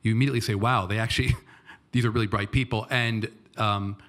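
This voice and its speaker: A man in the audience asking a long, measured question of a panel. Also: on the low side, steady tone, a bit bright. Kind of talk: question from the floor.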